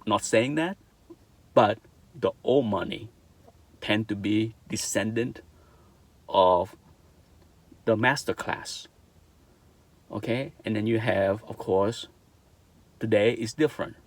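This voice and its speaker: A middle-aged vlogger from Vietnam speaks slowly in a fairly low pitch, pausing often, with a Vietnamese accent. He earnestly shares his views, repeats his arguments, and checks in with "okay?".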